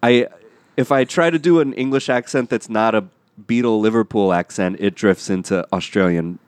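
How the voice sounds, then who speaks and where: A man's voice: lowish voice, moderate pace, clean tone, no echo. A man, an improv comedy performer, chatting casually and self-deprecatingly, often laughing. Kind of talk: casual chat.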